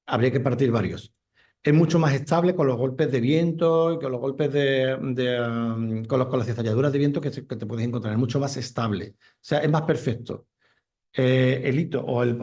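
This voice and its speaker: A man speaks at a conference in a mid-pitched voice. He is a commercial airline pilot, and he explains things eagerly with examples. The sound is of a talk in a lecture room. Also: a little mellow.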